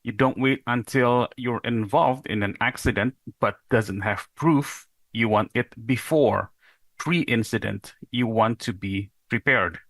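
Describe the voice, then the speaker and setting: The speaker is a young man from Indonesia, a PhD researcher presenting a recorded conference talk. His medium-pitched, fairly bright voice carries a measured, explanatory delivery with an odd rhetorical question, and there's no echo.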